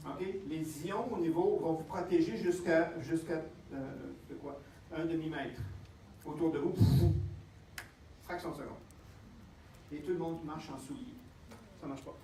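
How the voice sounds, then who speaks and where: In a lecture room full of listeners, a high-pitched Canadian man with a Quebec French accent leads a lively health seminar, always checking in with the audience. He's unhurried, with long pauses, and a distant mic captures the echoey room, faint ambience, and slight background noise.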